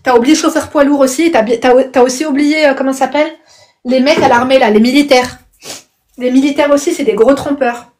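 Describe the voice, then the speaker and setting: High-pitched woman live-stream host, casual chat, frank opinions, affectionate pet names for viewers. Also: fairly even intonation, fairly quick, darkish tone. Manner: blunt and outspoken, calls viewers darling; punctuates opinions with "I swear" and "I'm telling you the truth".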